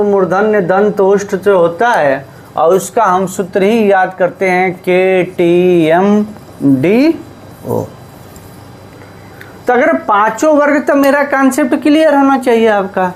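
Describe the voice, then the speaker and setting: A male teacher giving a lesson, who asks questions and answers them himself and repeats the key terms. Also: high voice. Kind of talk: classroom lesson.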